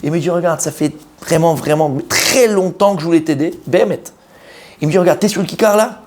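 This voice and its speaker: Fast-talking rabbi telling a story. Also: male voice, on the high side. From Israel. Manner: animated storyteller who acts out quoted voices. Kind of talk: storytelling sermon.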